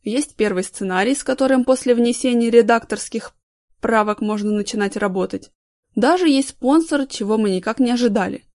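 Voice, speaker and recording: A woman's voice: on the high side, moderate pace, a little mellow, no room sound, clean studio sound, natural voice. A woman reading a novel aloud, voicing a stern middle-aged male TV station boss who scolds and gives orders. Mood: businesslike. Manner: commanding, scolding.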